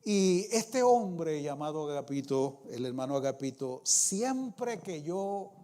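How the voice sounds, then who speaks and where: A man's voice: on the high side, big pitch swings, takes it slowly, mellow. A middle-aged male pastor preaching a sermon in a church, with emphatic rising phrases and constant asides to the congregation. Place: church sanctuary.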